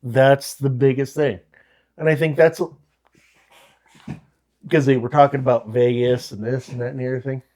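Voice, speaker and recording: A man co-hosting a podcast in casual, profane chat, easygoing and quick to agree. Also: medium pitch, steady tone, a little mellow. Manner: laid-back, profane, laughs along. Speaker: podcast co-host.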